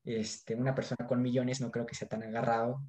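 A man's voice: medium pitch, level tone, fairly quick, a little mellow. A man with a Mexican accent, chatting casually in slang and gossiping as he retells an interview. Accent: Mexican Spanish. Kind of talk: casual chat.

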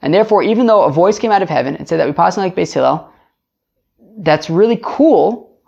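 A man teaching a daily Talmud lesson, explaining each line in an animated way with emphatic jumps in pitch. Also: brisk, vocal fry, slightly rough. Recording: dull lo-fi sound.

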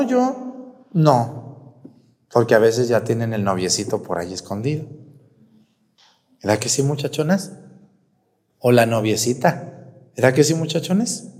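A Mexican man preaching a sermon as a priest in a lively, animated way. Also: a little high, big-room sound. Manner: animated, acts out complaining voices.

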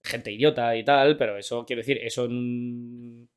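A man's voice: medium pitch, steady tone, moderate pace, smooth. A young man with a Spain Spanish accent chatting casually as a podcast co-host, telling a long story full of fillers and restarts. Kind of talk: casual chat.

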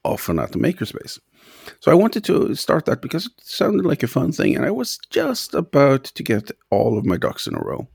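A man's voice: mid-range voice, huge pitch swings, moderate pace, creaky, a little mellow, breathy edge, no echo, studio quality. A young man casually telling a personal story as a guest, rambling and hesitant with many fillers.

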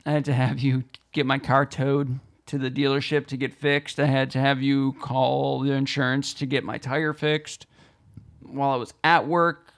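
A man co-hosting a podcast in casual chat, grumbling and getting loud when something annoys him. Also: mid-range voice, little pitch movement, normal speed. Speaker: podcast co-host.

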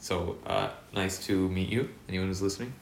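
A man's voice: low voice, moderate pace, creaky. A man co-hosting a casual podcast chat, with a nasal voice, stuffy from allergies, rambling with many fillers and restarts. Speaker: podcast co-host. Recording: echoey room.

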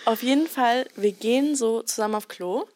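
High-voiced young woman telling a story. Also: moderate pace. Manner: lively storytelling, slangy, acts out quotes. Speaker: podcast host. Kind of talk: casual chat.

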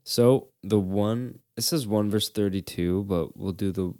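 A man's voice: lowish voice, measured pace, mellow, no room sound, studio quality. A young man hosting a podcast, chatting casually in a laid-back, joking way with frequent fillers and restarts. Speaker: podcast host. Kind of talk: casual chat.

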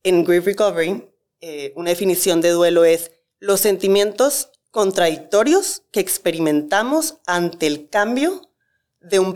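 Calm woman explaining grief. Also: on the low side. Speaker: guest expert on grief. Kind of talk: explanatory talk-show conversation.

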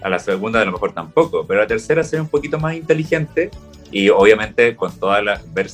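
A man's voice: fairly low pitch, brisk, faint music behind. A young Chilean man chatting casually, telling stories and acting out what people said. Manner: relaxed storytelling, acts out quoted lines. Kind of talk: casual chat.

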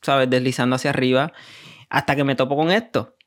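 A Puerto Rican man speaks as an interview guest, his voice sitting in an ordinary middle pitch. He tells his story haltingly, leaning on fillers and tag questions as he goes. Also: fairly even intonation. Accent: Puerto Rican Spanish. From Puerto Rico. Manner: hesitant, many fillers and tags. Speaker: guest, recovery coach.

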